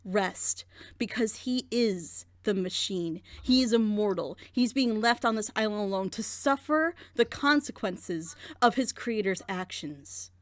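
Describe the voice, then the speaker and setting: Her mid-range voice is expressive and measured as she critically unpacks a plot twist in an animated group reaction chat. She builds her analytical argument with rhetorical questions. There's no echo.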